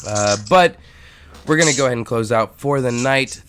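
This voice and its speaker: A man's voice: medium pitch, normal speed, a bit bright, a little hiss or hum. A man co-hosting a live-streamed tabletop game, rambling and joking with profanity as he signs off. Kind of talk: casual stream sign-off chat. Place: home room. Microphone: home desk microphone.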